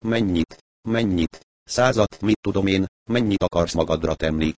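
A man playing a sullen, timid fellow who grumbles and mutters his answers. The voice is low and heard dry and near, like a storybook read aloud. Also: a little mellow, no room sound. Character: grumbling, timid man stuck in a haunted cabin. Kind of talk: audiobook character voice.

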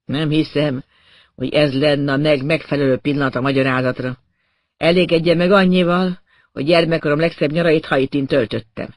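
A man reading an audiobook voices a gruff, weary police inspector who grumbles and sometimes pleads. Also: fairly high pitch, steady tone, no room sound, clean studio sound, close to an everyday voice. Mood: explaining. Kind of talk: audiobook character voice.

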